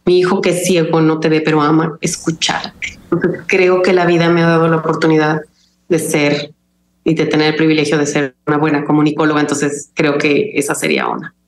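A woman from Mexico City, a chef who makes recipe videos, talking in a calm, measured way with careful diction in an interview. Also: low-pitched, echoey room. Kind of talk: conversational interview.

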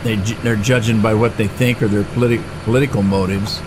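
Speaking a little fast in a lowish, fairly even voice, a middle-aged man gives chatty, rambling let's-play commentary on a farming game for his gaming channel, peppered with fillers and restarts. The game's tractor and engine noise is clearly heard in the background.

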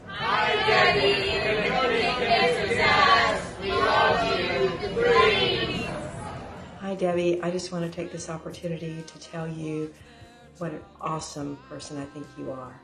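A woman's voice: sits low, flat delivery, a little fast, reverberant, loud music behind the voice, a loud crowd. A woman leaving an upbeat, encouraging video message.

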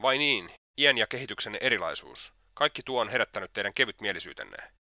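A man's voice: on the low side, expressive, bright, forceful tone, no room sound, clean studio sound, full character voice. A man voicing Raskolnikov, a scornful, agitated young man. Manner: scornful, indignant.

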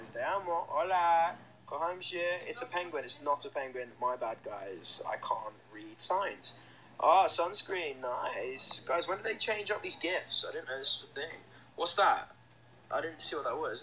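This young man's voice is on the high side, bright and forceful, with lively intonation and a moderate pace. He's a band member hosting a casual phone livestream in a small room, upbeat as he reads fan comments, phone near his face. The recording is rough, with a little hiss or hum.

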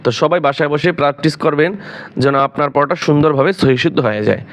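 A man teaching Quran reading, slowly spelling each Arabic letter with its vowel, repeating syllables for learners and asking and answering his own questions. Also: on the high side, a little hiss or hum. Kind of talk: slow drilled recitation lesson.

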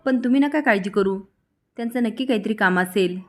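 A woman's voice: medium pitch, brisk, close to an everyday voice. A woman voicing a polite young household woman in a plain reading voice. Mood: soothing.

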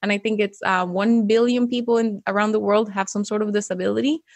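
A woman in her twenties from Venezuela, a web developer guest in a casual video interview, friendly and clear, on a close studio mic at home. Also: medium pitch, fairly even intonation, a little fast, a little mellow, no room sound. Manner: friendly, laughs often, explains clearly. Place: home room. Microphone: close studio mic with pop filter.

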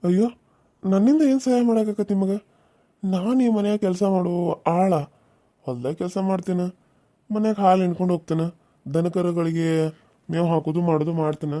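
Humble male farmhand voiced by an actor, cartoon, North Karnataka Kannada accent, mellow, mid pitch. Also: fairly quick, pauses often, close to an everyday voice. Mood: apologetic. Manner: meek, apologetic. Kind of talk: cartoon serial voice acting.

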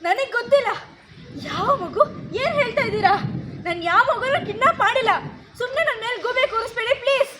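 Amateur drama: young woman as a cornered suspect, very high voice, protesting innocence, noisy street take. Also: a little fast. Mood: pleading. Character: young woman accused of kidnapping, pleading and defiant. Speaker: amateur actor.

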